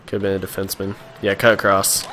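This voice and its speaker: A tired man casually commentating his own hockey video game, chatty and quick to react. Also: sits low, completely flat delivery, sharp tone, faint music behind.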